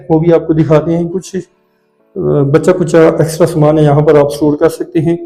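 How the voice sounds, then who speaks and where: A man's voice: fairly high pitch, dark tone. A man with a Pakistani Urdu accent, talking casually as he walks through a house for sale, drifting into side stories and often checking in with "theek hai". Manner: chatty, digressive, often adds "theek hai". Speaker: vlogger touring a house for sale. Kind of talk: casual walk-through commentary. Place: indoors and on a rooftop of a house.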